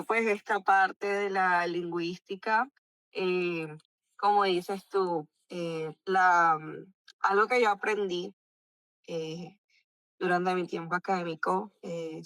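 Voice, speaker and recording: A woman's voice: lowish voice, a bit bright, smooth, no echo. A woman from Barranquilla with a Colombian coastal accent, explaining ideas from linguistics in a hesitant way full of fillers. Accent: Colombian coastal Spanish. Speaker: book club member with a linguistics background. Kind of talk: casual book club discussion.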